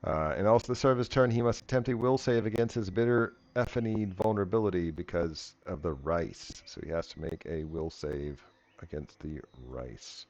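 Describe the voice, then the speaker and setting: A man's voice: low voice, normal speed, darkish tone, dull audio. A man acting as game master, casually narrating and working through rules in a tabletop game.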